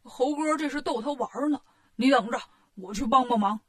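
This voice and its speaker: A woman's voice: high-pitched, a little fast, fairly bright tone, slightly rough. Zhu Bajie, a woman doing a whiny pig-monk. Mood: jokey. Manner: gasping, whiny exclamations. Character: clumsy greedy male pig-monk, easily startled. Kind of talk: children's storybook reading.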